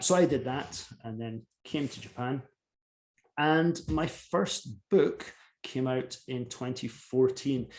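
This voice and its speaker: A Scottish man in his forties giving a casual, self-deprecating talk on a video call from his home office. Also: medium pitch. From Scotland. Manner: relaxed, self-deprecating, chatty. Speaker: author giving a lecture.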